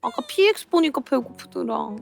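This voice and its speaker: A woman's voice: high-pitched, lively intonation, normal speed, vocal fry. A woman in casual, informal chat. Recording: loud music over the voice.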